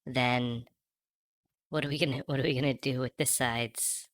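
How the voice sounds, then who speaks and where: A man whose voice runs through a pitch-shifting voice changer that turns it into a high, chipmunk-like voice, chatting casually as a streamer co-host. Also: steady tone, normal speed, a bit bright, dry recording, studio quality. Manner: chatty, thanks viewers, giggly. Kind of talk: casual chat while playing a game.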